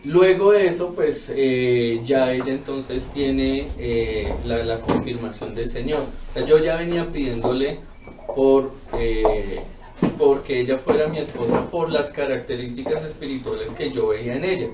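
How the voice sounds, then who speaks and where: A man giving a personal testimony, telling his story in a reflective, halting way. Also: mid-range voice. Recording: echoey room, mic far off, faint noise.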